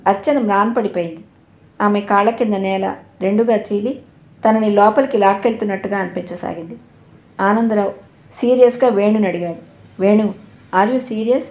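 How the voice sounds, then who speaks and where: Woman narrator, audio novel, expressive storytelling, roomy echo. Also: mid-range voice, fairly quick.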